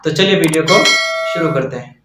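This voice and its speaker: A man giving a casual language lesson, repeating phrases slowly for his learners. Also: fairly high pitch, heavy background noise. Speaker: Arabic teacher. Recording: echoey, distant, dull mic.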